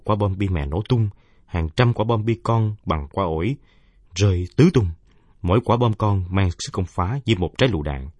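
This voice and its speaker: A man with a low, husky voice reads a first-person story with earnest feeling. The sound is dry and close, with no room around it. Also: a little mellow, no room sound. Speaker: narrator.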